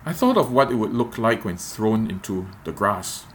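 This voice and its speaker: This man's voice runs on the low side with a sing-song quality, and there's a little hiss or hum in the audio. He's a preacher giving a measured, reflective devotional podcast talk, repeating phrases to drive points home.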